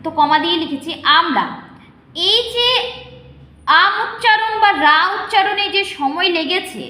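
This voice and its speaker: High, bright-voiced woman teaching a lesson. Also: lively intonation, measured pace. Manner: explains step by step, checks understanding with questions. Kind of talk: explaining a lesson to students. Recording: echoey room.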